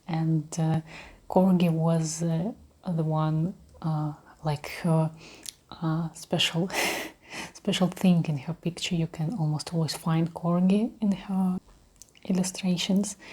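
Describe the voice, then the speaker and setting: A woman with a Russian accent speaking in a soft, breathy, half-whispered voice, in a gentle, hesitant, unhurried ASMR style. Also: on the low side. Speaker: ASMR creator. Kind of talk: soft-spoken ASMR talk.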